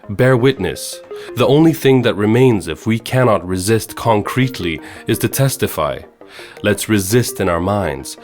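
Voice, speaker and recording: A man from Sweden hosting a podcast, giving measured, earnest scripted narration. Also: lowish voice. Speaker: podcast host.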